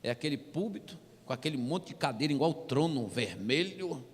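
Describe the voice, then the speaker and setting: A man with a Brazilian accent giving a humorous church testimony, animated and constantly addressing the listeners as brother. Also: on the high side, moderate pace, husky. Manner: animated storytelling, keeps calling listeners "brother". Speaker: testimony speaker. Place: church hall. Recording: reverberant church hall.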